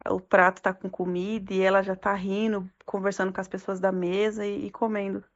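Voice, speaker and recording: Halting woman, dull lo-fi sound. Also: mid-range voice, little pitch movement. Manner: halting, full of fillers and restarts. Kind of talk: personal testimony recounting a religious vision. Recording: dull lo-fi recording.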